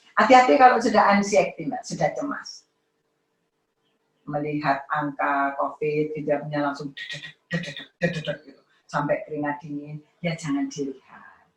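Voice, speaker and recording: A middle-aged woman giving a lively parenting talk, acting out parents and children in high voices. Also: roomy sound, distant mic, rough recording. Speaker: parenting seminar speaker.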